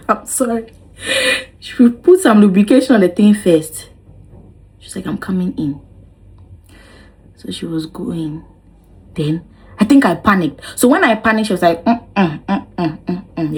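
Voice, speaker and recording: A woman's voice: lowish voice, darkish tone, a little hiss or hum, rough recording. A young woman telling her own story to camera, dramatic and exclaiming, acting out what each person said. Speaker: vlogger.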